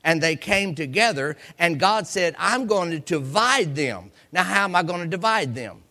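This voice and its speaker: A man from the United States gives an informal Bible teaching sermon in a folksy way, acting out examples and quotes and repeating phrases to drive his point home. His voice is fairly high and sharp-toned, animated at a moderate pace.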